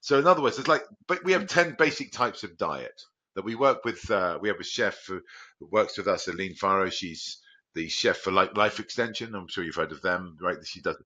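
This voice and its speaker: A man from Crete, a biotech founder guest, talking casually and rambling with many restarts and animated jumps in pitch. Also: moderate pace, highs cut off. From Greece, Crete. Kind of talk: casual conversational explaining.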